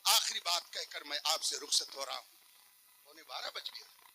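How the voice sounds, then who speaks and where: A man preaching a sermon at a public gathering. He moves from soft teaching to loud shouted climaxes and draws out his recitations slowly. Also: a little high, expressive, low-quality recording. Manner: recites Quranic phrases slowly and drawn out.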